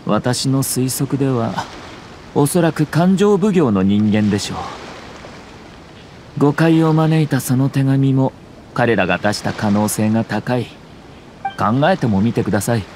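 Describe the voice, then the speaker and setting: In this video game dialogue, an actor plays a courteous, shrewd young nobleman who heads his clan, speaking formally and with composure in a measured, analytical way. His mid-range, darkish voice moves at a measured pace, lightly acted, over slight background noise.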